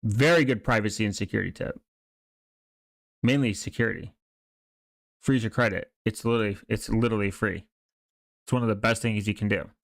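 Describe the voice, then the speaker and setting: A man's voice: lowish voice, fairly even intonation, creaky, dry recording. Rambling man in casual commentary, close dry sound. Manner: halting, rambling, often trails off and restarts mid-thought. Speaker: streamer reacting to online videos and channels.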